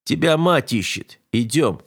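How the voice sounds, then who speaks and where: A stern young nobleman who gives short, commanding orders, as a male reader voices him. The voice stays close to the reader's own husky, mid-pitched tone. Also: expressive, unhurried, exaggerated voice. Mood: curt. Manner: curt, commanding. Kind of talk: audiobook character voice.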